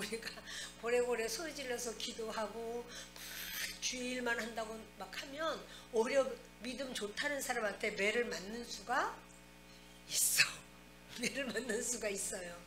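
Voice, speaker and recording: A woman pastor preaching a sermon, speaking directly to her congregation with lively asides. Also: on the high side. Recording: echoey church hall with music behind.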